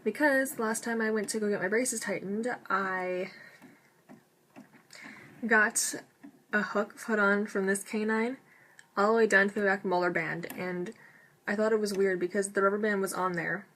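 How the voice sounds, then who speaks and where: A woman's voice: mid-range voice, steady tone, normal speed, pauses often, fairly bright tone, slight background noise. A woman with braces chatting casually to camera as a vlogger, rambling and interrupting herself as she goes. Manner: talking with braces.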